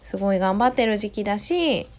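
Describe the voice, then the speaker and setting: A woman in her thirties, a mother, talking in a gentle, chatty way in a casual solo audio diary, close to the mic. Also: mid-range voice, animated, brisk. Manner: gentle, chatty, many soft "ne" tags. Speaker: podcast host, mother of a preschooler. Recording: faint music behind voice.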